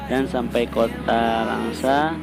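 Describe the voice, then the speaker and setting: A man's voice: medium pitch, fairly even intonation, slow pace, creaky, over loud music. A man chats casually for a vlog from inside a full-face helmet as he rides a motorcycle. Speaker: motovlogger. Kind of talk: casual vlog chat while riding.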